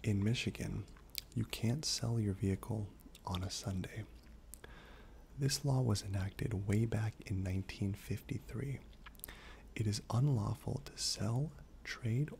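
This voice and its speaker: A man speaking in a soft, breathy half-whisper, gently reading trivia aloud in an ASMR style while chewing gum. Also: on the low side, fairly even intonation, measured pace, slight background noise. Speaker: ASMR host.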